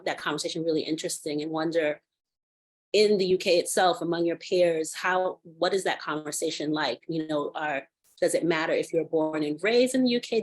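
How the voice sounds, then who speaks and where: A woman hosting an interview, asking curious, probing questions. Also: low voice. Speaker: host.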